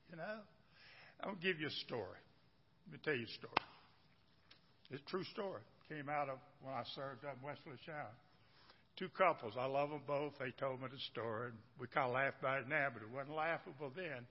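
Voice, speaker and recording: Husky-voiced preacher in a church hall. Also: male voice, fairly high pitch. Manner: folksy, repeats phrases, asks the crowd questions. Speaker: pastor. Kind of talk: sermon. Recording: dull, echoey church hall recording.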